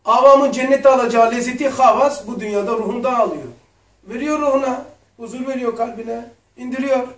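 A man's voice: very high-pitched, brisk. A man giving a religious lesson, telling stories in a casual, colloquial way with blunt slang asides. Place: lesson room. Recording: roomy echo, mic far off.

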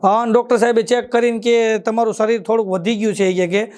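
A man with a Kathiyawadi Gujarati accent telling jokes on stage at a live show, moving briskly from punchline to punchline with a recurring catchphrase. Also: high voice, level tone, a little mellow, clear, resonant tone. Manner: quick punchlines, ends each joke with a catchphrase. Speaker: stand-up comedian.

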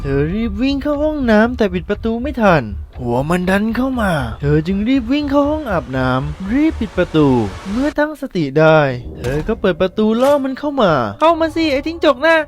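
A man narrating a recap of a horror film in a fast, vivid storytelling manner. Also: extremely high pitch.

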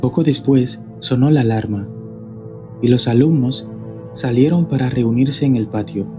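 A man from the Dominican Republic reading a scripted horror story in a measured, grave manner. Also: mid-range voice. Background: faint background music.

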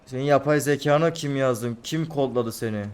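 A man's voice: medium pitch, moderate pace, darkish tone, clean tone. A young man with a Turkish accent, a gameplay streamer who mutters to himself and bursts into angry swearing. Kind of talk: gameplay commentary.

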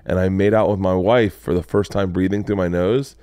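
Seated at an arm-mounted boom mic in a leather-couched studio lounge, a forties-aged podcast host spins animated stories and curses liberally. He talks a little fast, and the sound carries no echo.

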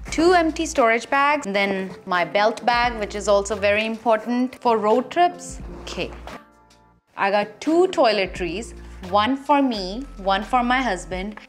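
A woman vlogger casually shows what she's packed, naming items one at a time with small fillers in between. Her voice sits on the high side with lively intonation, a little slow, and faint music plays behind her.

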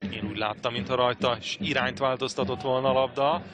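A man's voice: mid-range voice, steady tone, crowd noise. A man commentating live on a football match. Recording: broadcast with clear stadium noise.

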